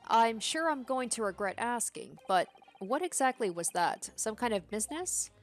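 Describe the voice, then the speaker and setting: A woman's voice: a little high, very animated, moderate pace, faint music behind. Woman reading as an earnest young male lawyer. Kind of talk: video game character read-aloud.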